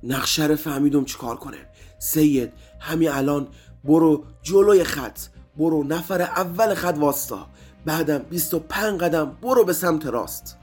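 A man's voice: on the high side, a little mellow, breathy edge, soft background music. A man voicing a stern, confident male war commander who gives firm orders. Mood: grave. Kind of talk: storybook character voice.

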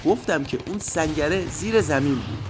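A man narrating a story for children, lively and addressing the kids directly. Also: fairly high pitch, noisy background. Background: faint music.

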